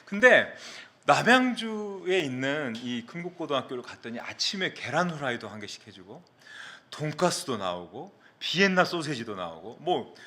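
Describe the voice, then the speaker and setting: A male pastor from the Mokpo area tells a personal story in his sermon. His voice sits a little high for a man and sounds bright and forward. He is very animated and swings widely in pitch as he acts out the story. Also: moderate pace. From South Korea, Mokpo area.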